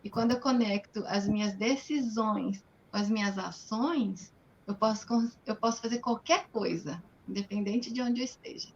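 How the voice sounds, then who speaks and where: A woman from Brazil, a guest in a live interview, telling lively personal stories and acting out what people said. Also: medium pitch, normal speed, muffled recording, slight background noise. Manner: lively storyteller, acts out quoted voices.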